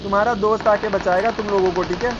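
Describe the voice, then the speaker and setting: A man gaming online, boasting, teasing teammates and shouting orders in casual banter. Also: high voice, steady tone, quick pace, very noisy. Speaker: gamer streamer. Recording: lo-fi game capture with music. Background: game music and gunfire.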